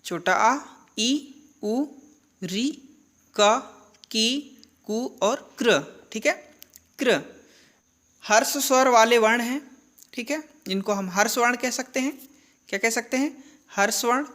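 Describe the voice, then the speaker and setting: Female teacher, fairly high voice, measured unhurried delivery, quizzes herself as she goes. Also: fairly bright tone. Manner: asks questions and answers them herself; slow and deliberate, repeats key terms. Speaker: Hindi grammar teacher. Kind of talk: classroom-style lesson.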